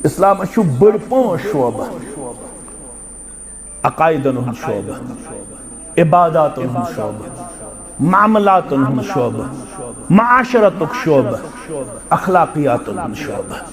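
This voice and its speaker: A male preacher giving a sermon with emphatic oratory, jumping between loud high bursts and low asides. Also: very animated, crowd noise. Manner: chants scripture verses slowly.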